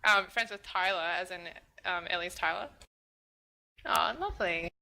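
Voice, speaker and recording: A woman with an Australian accent chats casually on a stream. Her voice has a gravelly, fry-tinged edge and a bright, forceful tone. She teases her co-host and talks in loose, slangy banter. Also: on the low side, moderate pace, poor audio. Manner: chatty, teasing, slangy.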